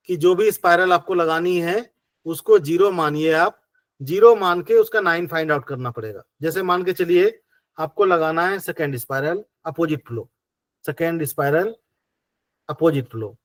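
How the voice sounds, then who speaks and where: A man's voice: high voice, fairly bright tone, dry recording. A man with a Hindi accent teaching an acupressure class, explaining step by step with patient rhetorical questions.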